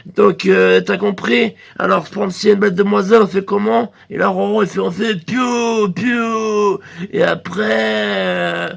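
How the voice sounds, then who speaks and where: A man with a high voice and a heavy gravelly fry spins a meandering comic tale. He talks in a loose, hesitant ramble and now and then bursts into shrill bird-call squeals. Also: fairly even intonation, normal speed. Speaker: comedian.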